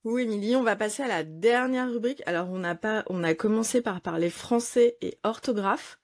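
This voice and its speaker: A woman's voice: mid-range voice, fairly quick, a little mellow, no room sound, clean studio sound. A woman hosting a quiz segment in a casual panel show, upbeat and leading the game. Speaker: host.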